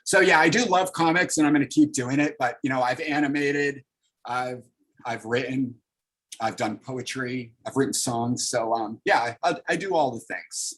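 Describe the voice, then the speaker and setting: A man's voice: medium pitch, moderate pace, fairly bright tone, poor audio. A man in his thirties, a comics artist leading an online library workshop, talking casually and upbeat with many fillers over a video call.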